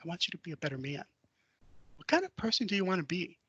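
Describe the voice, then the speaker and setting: A man's voice: sits high, very animated, quick pace, a bit bright, slightly rough, no room sound, dull audio, full character voice. A man voicing his mother as a firm, earnest parent setting him straight. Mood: stern.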